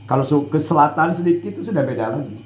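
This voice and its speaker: A man's voice: a little high, fast talker, a little mellow, roomy sound, slight background noise. A man from Cianjur with a Sundanese accent, a pesantren leader talking in a casual podcast chat, explaining patiently and laughing between points. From Cianjur, West Java.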